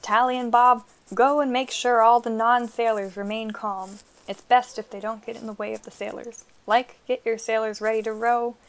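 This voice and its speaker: A woman's voice: a little high, fairly even intonation, normal speed, few pauses, lightly acted. A woman voicing a determined, guilt-ridden young dragon rider who speaks urgently and gives orders, in a storybook reading. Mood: commanding.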